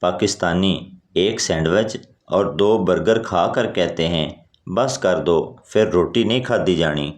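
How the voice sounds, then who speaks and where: A man with a very low, deep voice reads out one joke after another. He keeps an even storytelling delivery and speaks all the quoted characters in his own voice. It sounds like a scripted comedy read. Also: few pauses, slight background noise. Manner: steady storytelling delivery, reads every character's lines himself. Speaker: joke narrator.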